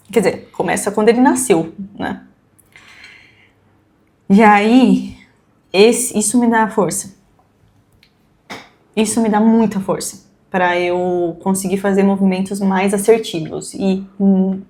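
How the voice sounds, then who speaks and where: A woman's voice: mid-range voice, darkish tone. A woman with a Brazilian Portuguese accent, a podcast host and mother, talking earnestly in casual conversation and acting out the quotes she tells. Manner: earnest, explains at length and acts out quoted speech.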